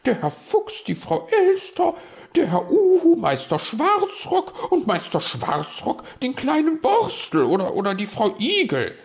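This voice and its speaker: A woman voicing a fussy, nosy female magpie in a children's audio story, with shrill, flustered chatter. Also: huge pitch swings, a little slow, darkish tone, exaggerated voice. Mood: indignant.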